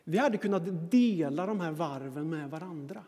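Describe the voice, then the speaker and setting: A man telling a personal anecdote as a self-mocking, animated monologue. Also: on the high side, in a large hall. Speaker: storyteller.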